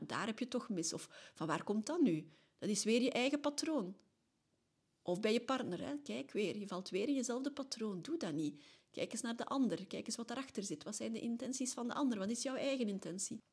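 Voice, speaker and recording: A middle-aged woman speaks with a Flemish accent, her voice a little husky and breathy at the edges. She talks earnestly in a reflective solo podcast monologue. She keeps tagging her phrases with a soft questioning check-in. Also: on the high side. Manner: earnest, often ends phrases with a questioning tag. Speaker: podcast host.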